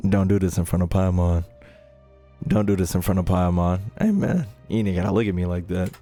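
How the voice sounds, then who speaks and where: A gaming video creator reacts to gameplay with casual slang and joking exclamations. His low voice is fairly quick and dark in tone, with game music playing behind it.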